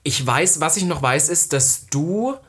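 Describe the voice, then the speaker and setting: A man's voice: a little high, expressive, measured pace, a bit bright, breathy edge. A man from Halle in eastern Germany, a guest telling personal stories in a casual podcast chat.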